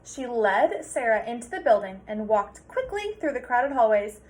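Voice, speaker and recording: Animated, high-voiced woman teacher reading aloud. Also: normal speed. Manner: expressive, explanatory, prompting with questions. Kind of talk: picture-book read-aloud with questions to young listeners.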